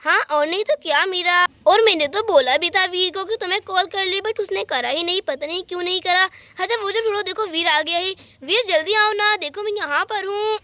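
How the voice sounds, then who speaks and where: A woman doing a jealous plotting doll girl, very high voice, muttering schemes, doll story. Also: a little fast, hardly any pauses, bright, forceful tone, dry recording. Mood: chatty.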